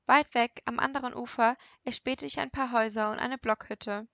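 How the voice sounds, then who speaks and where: A woman narrating an audiobook in the first person, with an expressive, lively storytelling manner. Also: a little high, normal speed, gravelly, no echo, dull audio.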